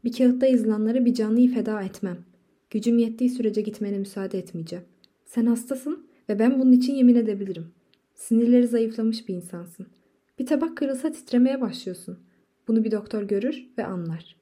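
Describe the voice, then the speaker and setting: A woman's voice: fairly high pitch, a little fast, mellow, slightly rough. A woman reading the part of a defiant, tearful wife who speaks urgently and insistently, in a storybook reading. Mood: fierce.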